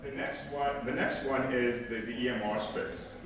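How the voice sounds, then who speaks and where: At a technical conference, an Afrikaans-speaking man talks into a handheld mic before a seated audience in a large hall, conversational and prone to repeating words while self-correcting. His medium-pitched voice holds fairly even intonation at a moderate pace. The camera sits far back, so the sound is echoey and distant, with a crowd in the background.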